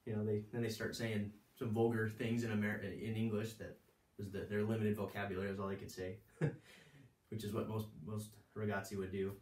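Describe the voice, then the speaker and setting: A man with a lowish voice tells a personal story, looping back and restarting his sentences. The room is roomy and echoing. The mic sits some distance from him. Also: flat delivery, moderate pace, darkish tone. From United States. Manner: rambling, many restarts and fillers. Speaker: vlogger giving life advice. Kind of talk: casual storytelling monologue.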